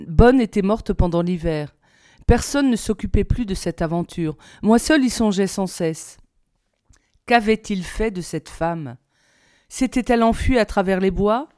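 A woman reading a short story aloud in a measured, expressive way. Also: mid-range voice, no room sound, clean studio sound. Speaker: reader.

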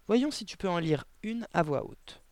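A man voicing a kind young woman schoolteacher in an audiobook, warm and encouraging, lifting his voice higher for her. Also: big pitch swings, moderate pace, vocal fry, no echo, full character voice. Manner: warm, encouraging, easily delighted. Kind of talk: audiobook character voice.

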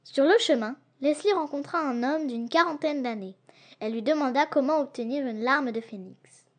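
A woman narrates an adventure audiobook with a high, clear voice. Her reading is lively and expressive, leaning into each turn of the tale. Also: normal speed. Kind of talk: storybook narration.

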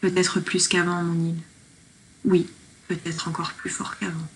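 A woman's voice: lowish voice, little pitch movement, a little slow, fairly bright tone, a little hiss or hum, low-quality recording. A woman reading her own poetic lockdown diary aloud in a tender, reflective way. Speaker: diarist.

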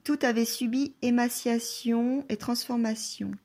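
A woman narrates a literary novel at an unhurried, deliberate pace. Her voice sits a little high and stays soft and measured throughout, like an audiobook reading. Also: steady tone. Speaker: audiobook reader.

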